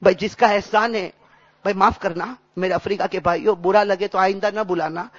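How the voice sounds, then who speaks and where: A man preaching an impassioned sermon to his congregation, building from quiet appeals into shouted climaxes and repeating calls to his listeners. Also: high-pitched, fairly even intonation, moderate pace. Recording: dull lo-fi recording.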